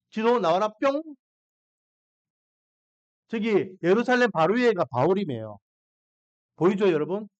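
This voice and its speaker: A male pastor delivers a sermon with a lively, rising and falling voice. He asks his listeners questions and briefly acts out the voices of Bible figures. The sound is dry and close to the mic. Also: high-pitched, no echo. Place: church sanctuary.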